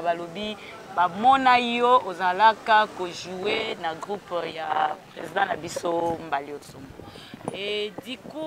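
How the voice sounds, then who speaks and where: A TV interviewer who asks questions in a hesitant way, with many pauses and fillers. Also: medium pitch, a bit bright, a little hiss or hum.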